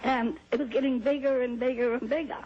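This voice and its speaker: An older woman from New Hampshire calmly recounting a personal experience in an interview, heard on an old VHS tape. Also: high voice, brisk, slightly rough, dull audio. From New Hampshire, USA. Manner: calm, plain storytelling with small laughs and restarts. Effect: old VHS tape sound. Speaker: interview guest.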